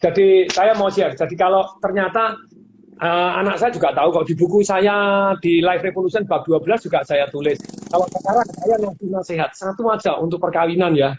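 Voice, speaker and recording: A middle-aged man giving casual advice as a guest speaker, animated, laughing often and acting out the lines he quotes. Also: high-pitched, a little fast. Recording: dull lo-fi audio with faint hiss.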